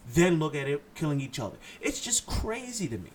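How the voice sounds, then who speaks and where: A man's voice: a little high, very animated, brisk, a little hiss or hum. Impassioned man from Haiti ranting. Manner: blunt, impassioned, profane. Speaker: podcast host. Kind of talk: solo podcast monologue.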